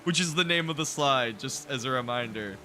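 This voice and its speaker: A man doing casual, excitable gameplay commentary, joking and swearing freely as he tours his theme park. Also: medium pitch, brisk, slight background noise. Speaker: streamer showing a theme park build.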